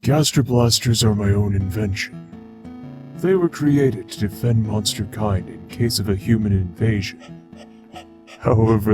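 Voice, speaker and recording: In a dramatic comic dub, a man voices a proud, sorrowful skeleton who is a scientist and a father, speaking in a measured, wistful way. His voice is lowish, and the recording is rough.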